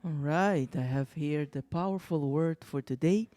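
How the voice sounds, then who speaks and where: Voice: medium pitch, normal speed, warm tone, soft background music. A co-host of a wellness talk show, speaking in a reflective way and often repeating phrases. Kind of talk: casual talk show chat.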